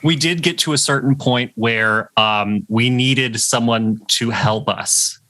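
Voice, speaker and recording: A man hosting a casual interview over a call, asking relaxed, friendly questions. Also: medium pitch, takes it slowly. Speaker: host.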